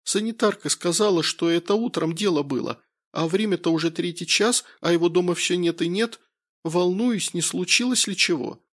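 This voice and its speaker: A woman's voice: on the low side, voice pushed up, close to an everyday voice. A man voicing an anxious young wife on the phone, worried about her missing husband, in an audiobook. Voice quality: anxious, rapid.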